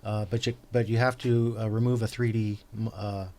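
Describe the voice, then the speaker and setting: A man hosting a tabletop game session, patiently explaining the rules to his opponent in a halting, rambling way full of fillers and restarts. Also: on the low side, flat delivery, dark tone. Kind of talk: casual tabletop game chat.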